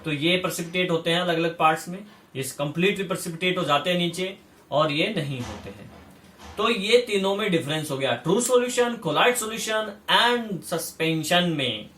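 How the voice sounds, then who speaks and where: A man's voice: high-pitched, lively intonation, normal speed, pushed and bright, reverberant, far from the mic, a little hiss or hum. A man giving a chemistry lecture, explaining step by step and repeating key terms as he checks that students follow. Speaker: chemistry teacher. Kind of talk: classroom lecture.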